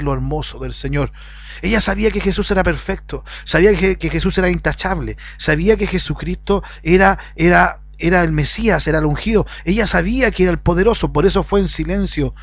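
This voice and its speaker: Hombre predicando con voz aguda. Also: male voice, a bit bright, no echo. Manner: preaching with sudden rises and drops in pitch. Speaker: pastor. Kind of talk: sermon. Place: at home.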